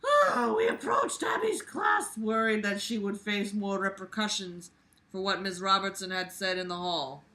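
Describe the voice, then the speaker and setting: Poor audio carries a woman's animated, medium-pitched, sharp voice at normal speed as she hosts a comedic book-reading series. Sarcastic and exasperated, she reads aloud and ridicules the book with profane remarks, exaggerated theatrical emphasis and abrupt outbursts.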